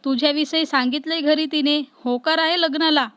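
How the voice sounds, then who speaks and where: A cheerful elder sister who teases the young couples, as a woman reads her out in a storybook tale. Her voice is high and heard dry and close. She sounds amused and bossy in a friendly way. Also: steady tone, normal speed, fairly bright tone, no room sound. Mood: teasing. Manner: laughing, teasing. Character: cheerful teasing older sister.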